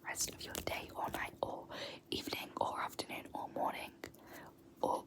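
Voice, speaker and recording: A young South African YouTuber whispers softly, slowly repeating words for an ASMR tag video.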